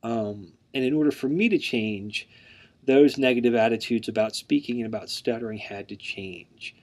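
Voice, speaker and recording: An instructor in his thirties introduces his online course in an earnest, plain way, his middle-pitched voice marked by a mild stutter with repeated words. He fills pauses with frequent "um"s, and the recording quality is low.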